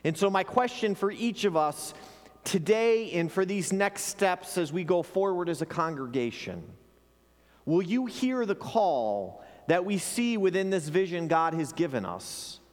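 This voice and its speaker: A pastor preaches an earnest sermon to his congregation in a high, sing-song, unhurried voice, sometimes repeating words as he restarts a phrase. The recording is from a church sanctuary with long hall reverb.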